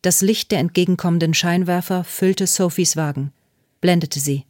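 Calm woman narrating an audiobook. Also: lowish voice, moderate pace, no room sound, studio quality. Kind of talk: scripted narration.

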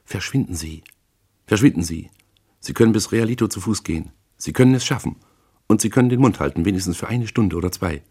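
A man voicing a frightened gangster's wife in an audiobook, speaking in a rough, urgent half-whisper. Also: fairly low pitch, fast, pitched above the performer's own voice. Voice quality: rough, hushed voice. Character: tense, frightened gangster's wife, adult woman. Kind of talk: audiobook character voice.

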